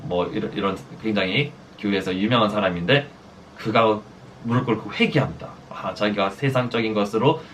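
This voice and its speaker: A man's voice: lowish voice, a bit bright, a little hiss or hum. A man preaching a sermon, telling a story and acting out the quoted lines, often stopping and restarting his words. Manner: halting, with frequent restarts.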